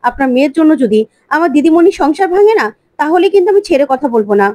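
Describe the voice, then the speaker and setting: A woman doing a fast-scolding old aunt. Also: high-pitched, animated, dark tone, no echo. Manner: rapid scolding threats. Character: older aunt, housekeeper, sharp and scolding.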